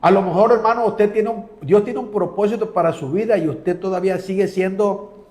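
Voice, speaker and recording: Male TV preacher, high voice, reads Bible passages, fervent asides, calls listeners brother. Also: brisk, darkish tone.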